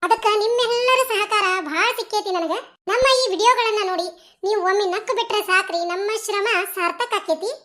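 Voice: very high voice, brisk, bright, forceful tone. A channel creator with a North Karnataka Kannada accent, speaking directly to viewers in an earnest, pleading way. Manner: earnest, pleading, a light laugh.

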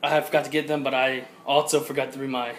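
A man's voice: medium pitch, little pitch movement, fast. A man, from Georgia, chatting casually and rambling upbeat into a handheld camera for his vlog. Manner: rambling, upbeat, repeats himself. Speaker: vlogger.

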